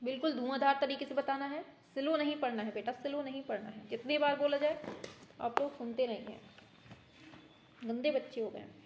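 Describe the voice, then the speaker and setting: A woman teacher running a quick quiz lesson, brisk and teasing, scolding her students in mock anger as if they were children. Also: high-pitched, slight background noise. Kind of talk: online exam-prep quiz lesson.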